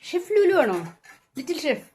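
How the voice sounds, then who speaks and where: A woman's voice: high-pitched, very animated, normal speed, darkish tone, slight background noise. A woman with a Kerala accent, chatting casually and playfully as she cooks with a small child at home. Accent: Kerala Malayalam. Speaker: home cook vlogger. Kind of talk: casual family cooking chat. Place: home kitchen.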